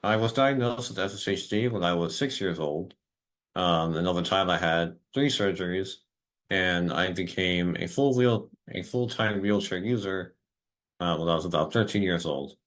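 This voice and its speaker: A man's voice: sits low, moderate pace, a bit bright. A man in his twenties introducing himself as a podcast panelist over a video call, speaking in a plain, matter-of-fact way. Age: 20s.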